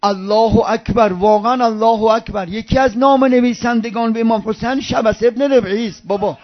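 A male preacher with a high, ringing voice, delivering an impassioned sermon full of retold stories. He lurches from loud cries down to hushed near-whispers and slips into a chanting, sing-song cadence on some phrases. The recording sounds dull and lo-fi. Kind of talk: religious sermon with storytelling.

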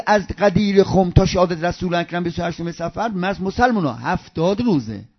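Impassioned high-voiced male preacher, lo-fi. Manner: impassioned, swinging from loud outbursts to hushed near-whispers; chants some phrases in a sing-song cadence. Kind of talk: religious sermon with storytelling. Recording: dull lo-fi recording.

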